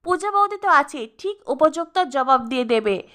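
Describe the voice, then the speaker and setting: A man's voice: extremely high pitch, expressive, moderate pace, bright, forceful tone, exaggerated voice. A woman reading the lines of a timid, loyal young male sidekick who speaks deferentially.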